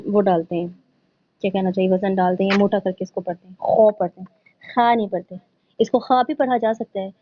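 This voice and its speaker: Patient woman teaching recitation, lo-fi audio. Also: fairly high pitch. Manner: patient, explaining step by step, mixing in English words. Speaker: tajweed teacher. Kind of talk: online Quran recitation lesson.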